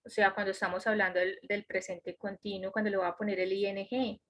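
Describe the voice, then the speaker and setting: A woman's voice: mid-range voice, little pitch movement, fairly quick, fairly bright tone. A woman teaching an online English grammar class, explaining step by step and checking in with her students. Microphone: computer microphone on a video call.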